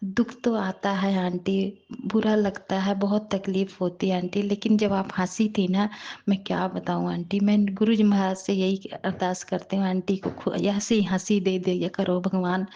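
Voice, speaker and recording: A woman giving a tender devotional talk to her listeners, in a rough, worn voice that often slips into a whisper. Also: medium pitch, flat delivery, moderate pace, dark tone, highs cut off. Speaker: devotional satsang speaker.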